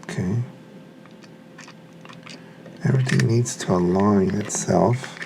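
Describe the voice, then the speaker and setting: This man speaks slowly in a gravelly, fairly low voice, with noise in the background. As a hobbyist reviewer, he mutters to himself through a casual unboxing while busy with his hands.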